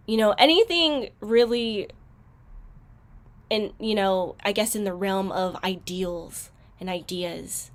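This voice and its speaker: A woman hosting a casual reaction video, talking reflectively with many fillers and growing loud and emphatic when frustrated. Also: medium pitch.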